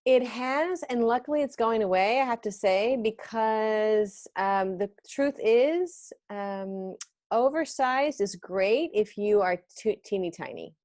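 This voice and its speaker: A woman's voice: on the high side, takes it slowly, darkish tone. A woman in her fifties hosting a casual video call about fashion, chatty and rambling, often trailing off mid-sentence. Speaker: host.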